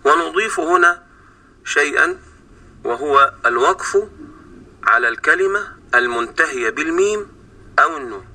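An Egyptian man teaches Quran pronunciation on the radio in a somewhat high, very bright voice. He draws sounds out slowly to show how they should be said. He comes through a broadcast recording from a little way off the mic. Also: animated, far from the mic. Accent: Egyptian Arabic. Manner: slow drawn-out sounds to demonstrate. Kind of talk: explaining pronunciation on a radio program.

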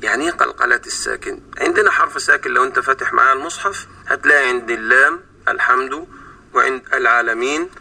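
A man with an Egyptian Arabic accent, teaching Quran recitation on a radio program and stretching sounds slowly to demonstrate them. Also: medium pitch, creaky, pushed and bright, husky. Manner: slow drawn-out sounds to demonstrate. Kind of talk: explaining pronunciation on a radio program. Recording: distant radio broadcast sound.

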